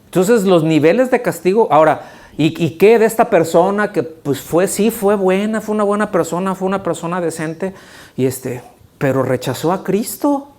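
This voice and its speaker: A man preaching a sermon in a church, talking to the congregation in an animated, conversational way and often checking that they follow him. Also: high voice, moderate pace. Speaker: pastor. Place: church sanctuary.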